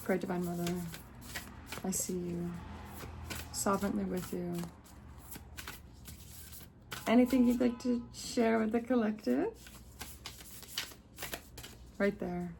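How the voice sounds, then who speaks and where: A woman's voice: medium pitch, measured pace, gravelly, long pauses, warm tone, a little hiss or hum. A woman giving a casual spiritual card reading, rambling and breaking off mid-sentence, often laughing to herself. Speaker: tarot reader.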